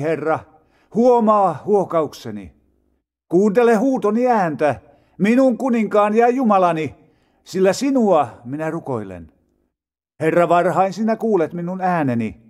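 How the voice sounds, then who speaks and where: A man reading psalms aloud in a solemn, measured way with dramatic rises and falls. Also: sits high, darkish tone. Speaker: Bible reader. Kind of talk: scripted scripture reading.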